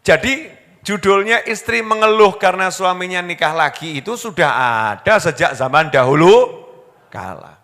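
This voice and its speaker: A man's voice: sits high, moderate pace, sharp tone. A man with a Javanese Indonesian accent preaching a humorous sermon, acting out quoted husbands and wives and putting questions to his audience. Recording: reverberant hall.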